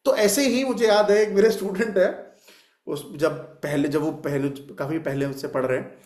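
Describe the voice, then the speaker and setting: A man's voice: a little high, steady tone, moderate pace, a little mellow. A man teaching a numerology class, repeating sounds aloud to demonstrate and answering his own questions. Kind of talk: classroom lecture. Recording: echoey room.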